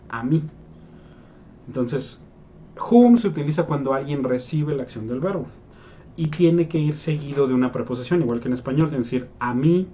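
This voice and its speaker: Brief: young male teacher, casual lesson, fairly high voice with a mellow, dark tone. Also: highs cut off, a little hiss or hum. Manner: playful, jokes and acts out quoted voices. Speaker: English teacher.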